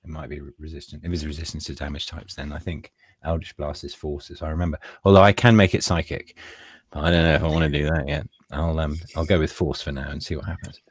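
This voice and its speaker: A man playing a tabletop game, talking casually and haltingly as he works out his turn. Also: a bass voice, steady tone, slightly rough, dry recording, clean studio sound. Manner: halting, restarts often. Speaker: player.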